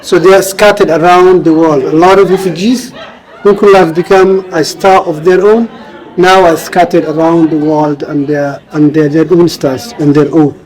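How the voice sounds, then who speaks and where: Here an interview guest speaks at normal speed with a slightly high, darkish voice and a steady tone, his Somali accent clear despite poor audio. Born in Somalia and raised in Kenya, this author and refugee advocate explains things earnestly, repeating phrases to stress them.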